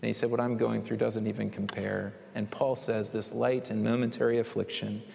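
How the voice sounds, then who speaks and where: A man's voice: fairly low pitch, flat delivery, fairly quick, vocal fry, a little mellow. A man preaching a sermon as pastor, earnest with rising emphatic exhortations. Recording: long hall reverb.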